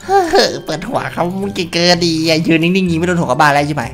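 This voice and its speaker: A man's voice: fairly high pitch, very animated, fast talker, very noisy. Brash, profane young man gaming. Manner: brash, profane, boastful trash talk; bursts into loud shouts at kills. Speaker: gameplay streamer. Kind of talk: casual gameplay commentary.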